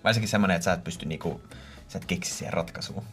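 A man's voice: low-pitched, fairly bright tone, faint music behind. A man in his thirties co-hosting a podcast, joking playfully and imitating sounds in casual chat. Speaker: podcast co-host.

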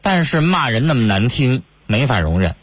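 A man's voice: medium pitch, sing-song, normal speed, no room sound. A man hosting a call-in advice show, giving firm and direct advice to a caller. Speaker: radio advice host.

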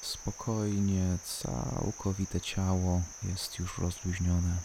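Calm deep voice doing guided relaxation, super slow w long pauses, some cricket noise in back. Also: creaky. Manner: calm, unhurried, soothing delivery with long pauses. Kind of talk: slow guided body-scan meditation.

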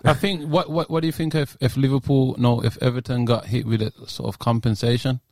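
Young London man, mid-pitched, chatting. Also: steady tone, a little fast, dry recording. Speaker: football podcast panellist. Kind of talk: casual chat.

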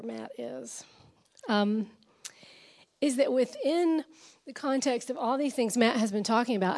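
An older woman with a raspy, strained, nearly lost voice, giving an informal, chatty, self-deprecating talk as a guest speaker. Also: on the high side, darkish tone. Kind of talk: informal talk to a church audience.

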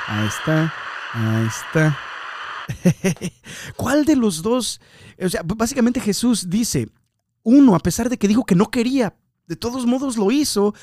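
A man hosting a podcast, reflecting casually on scripture in an animated way, repeating words and talking straight to the listener. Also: fairly high pitch, dry recording, studio quality. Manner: animated, repeats words, often laughs, addresses listener directly.

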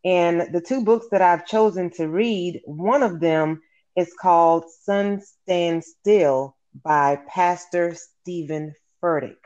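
A guest sharing personal habits in a measured, reflective way. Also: mid-range voice, steady tone, darkish tone. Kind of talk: casual interview chat. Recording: dull lo-fi line.

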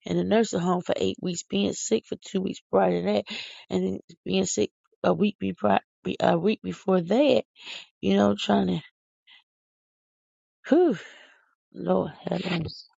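A podcast host from Philadelphia, she delivers a tired, silly, folksy rambling monologue peppered with exclamations. Her medium-pitched voice is gravelly and mellow, captured in a dull, dry lo-fi recording without echo.

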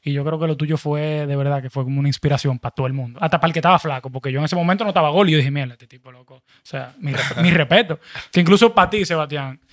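A man hosts a casual podcast chat. His voice is fairly high and he talks very fast, in an emphatic, colloquial way. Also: fairly bright tone.

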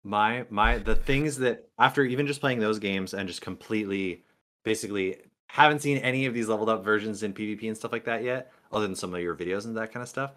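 Male gamer, lowish voice, casual podcast chat, musing aloud over each play. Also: fast, fairly bright tone. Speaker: podcast participant playing a card game.

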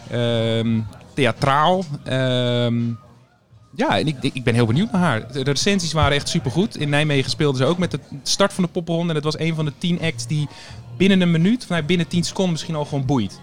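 A man's voice: a little high, fairly quick, soft background music. A man guest chatting on a radio show about booking bands, with many fillers and restarts. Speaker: festival programmer, guest. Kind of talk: casual radio chat.

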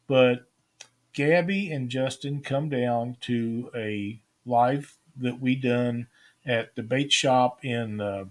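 A man hosting a live fishing stream, talking casually and rambling through stories with homespun grammar. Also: mid-range voice.

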